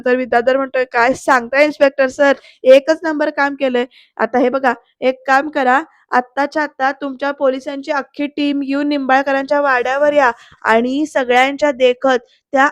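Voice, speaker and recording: A woman retells a TV serial episode in a voice-over, quoting each character's lines one after another. Her voice sits high but stays fairly level in tone. The recording is dry and close. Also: dry recording.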